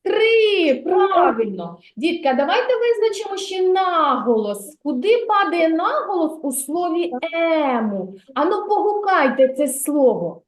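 A woman's voice: very high-pitched, big pitch swings, a little slow, few pauses, echoey room. A woman teaching a literacy lesson to preschoolers in a kindergarten classroom, patient and encouraging, praising the children often.

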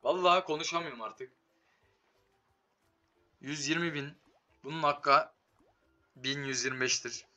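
Bright, forceful man with tired voice. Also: a little high, unhurried, long pauses. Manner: slangy, swearing, talking to the game. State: slightly sick, voice giving out. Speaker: slot game streamer. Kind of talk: casual live gameplay commentary. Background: game music.

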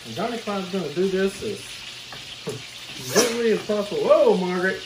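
A man's voice: high-pitched, lively intonation, normal speed. A young man hosting a casual cooking video in his home kitchen, chatting to the viewer as he chops and stirs. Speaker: cooking show host. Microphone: camera mic at a distance. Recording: noisy kitchen with sizzling pan. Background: frying and sizzling food.

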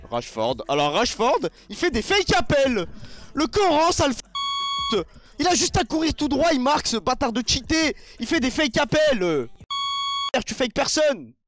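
A young man with a French accent giving raging gameplay commentary, shouting one moment and muttering the next, with sing-song taunts. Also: very high-pitched, very animated, normal speed, over music. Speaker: gaming streamer.

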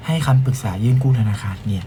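A man's voice: medium pitch, heavy background noise. A young man from Thailand chatting casually and playfully on a live stream as host. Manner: switches between Thai and halting Chinese, playful. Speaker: livestream host.

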